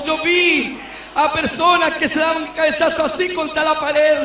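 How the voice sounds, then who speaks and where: A man preaching a shouted sermon testimony, calling his listeners beloved brother, in a church hall. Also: extremely high pitch. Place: church hall before a congregation. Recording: echoey hall, mic at a distance.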